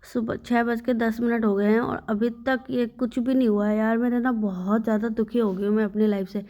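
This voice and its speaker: Young mother, vlog voice. Tired from no sleep, a higher voice with little lift, speaks straight to her viewers. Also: steady tone, a little fast, dark tone. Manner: weary, complaining, talks to the viewer. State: sleep-deprived and in pain. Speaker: mother vlogging her day with her baby. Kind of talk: casual vlog narration. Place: at home, by the front door.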